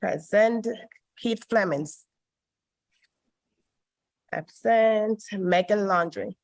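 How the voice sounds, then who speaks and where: A woman's voice: mid-range voice, extremely slow, gravelly. A woman chairing a city hearing over an online group voice call, speaking formally with frequent ums and small restarts. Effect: voice heard over an online group voice call. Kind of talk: formal meeting chairing and reading into the record.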